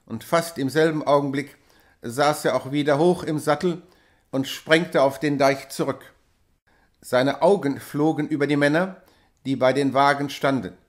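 A man reading a classic novella aloud in a measured, dramatic storytelling manner. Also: fairly high pitch, steady tone. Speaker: audiobook reader. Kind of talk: literary reading.

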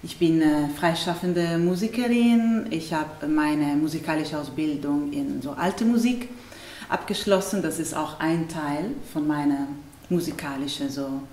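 Italian-accented woman, 30s, low voice, hesitant with fillers, roomy distant recording, faint noise. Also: a little slow, darkish tone. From Italy. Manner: hesitant, searching for words with many fillers. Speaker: musician. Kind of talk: interview answers. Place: bright room with large windows.

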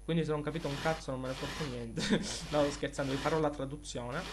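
A man's voice: fairly high pitch, fairly even intonation, a little fast. A young man from Sicily with a Sicilian Italian accent, commenting on a horror game while playing, nervous and swearing, joking with his viewers. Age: young adult. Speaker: gameplay commentator. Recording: noisy home recording.

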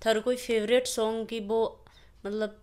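A woman's voice: a little high, little pitch movement, a little slow, a little mellow. A woman with a Rajasthani accent interviewing a singer, asking loosely phrased, chatty questions.

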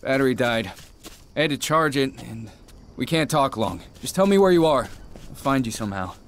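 An actor voicing a shaken, stranded man in a jungle survival game, with a middle-pitched, everyday voice. He sounds urgent and unsure, with a faint hiss behind him. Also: animated, moderate pace, lightly acted.

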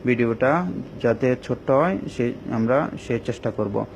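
A man teaching Quran reading in a recorded online class, explaining each rule slowly and drawing out the recited words for his students. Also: mid-range voice, expressive, a little hiss or hum.

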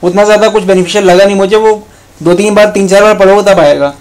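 A man's voice: sits high, steady tone, fast talker, poor audio. A man with an Indian accent, a coaching founder talking students through a study plan in a direct, casual way, tagging his points with "okay". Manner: direct, mixes Hindi and English, keeps saying "okay". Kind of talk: casual advice talk to students.

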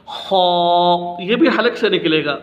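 A man in his thirties teaching the alphabet for Quran reading, speaking patiently and plainly and drawing out each letter slowly so listeners can repeat it. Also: high voice, fairly bright tone, reverberant, muffled recording. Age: 30s. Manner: slow, drawn-out letter pronunciations for repetition. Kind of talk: recorded alphabet lesson for parents.

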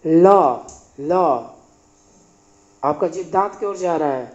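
A man's voice: high-pitched, a little fast, darkish tone. A man teaching Hindi grammar in a classroom style, patiently repeating sounds and asking the listener to say them back. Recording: echoey room, slightly dull sound.

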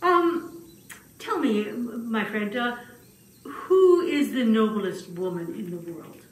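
In a puppet show, a woman voices a gentle old grass cutter, a humble man telling his story. Her rather high, very animated voice is earnest yet hesitant, halting with many pauses and easily flustered. The recording is roomy, with the mic set at a distance and faint noise in the background.

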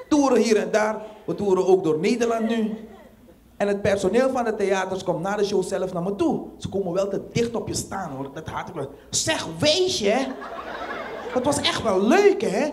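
High-voiced Surinamese Dutch comedian. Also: male voice, moderate pace, slight background noise. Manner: animated storytelling, acting out scenes, bursts of loud exclamation. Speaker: stand-up comedian. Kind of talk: stand-up comedy set.

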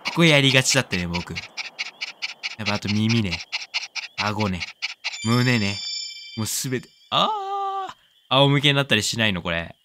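A man doing casual let's-play commentary, excitable, exclaiming often and cooing at the pet. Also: fairly low pitch, normal speed, pauses often, background noise. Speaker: game commentator.

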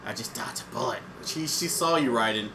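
A man's voice: mid-range voice, fairly quick, over music. A young man co-hosting a let's play, chatting casually and laughing as he plays. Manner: lively, excitable, laughs often. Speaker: let's play co-host playing the game. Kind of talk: casual gaming chat.

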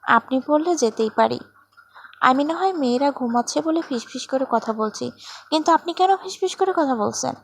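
A woman's voice: sits high, lively intonation, normal speed, gravelly. A woman reading a story voices a playful, teasing young man in a story.

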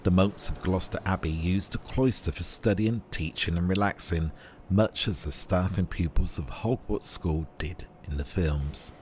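A man narrating a scripted guided tour in a measured, informative manner, as a guide. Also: low voice, a little mellow, slight background noise.

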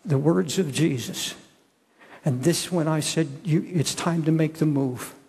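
An older man preaching an earnest, pleading sermon, often halting and repeating his words. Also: fairly high pitch, creaky, a little mellow, slight background noise. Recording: long echo of a large hall.

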